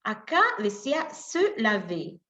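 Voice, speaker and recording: A woman's voice: mid-range voice, very animated, slow pace. A woman teaching a French class over a video call in Spanish, patiently repeating and spelling out verb forms. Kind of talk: online language class. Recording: echoey room, dull lo-fi sound, faint noise.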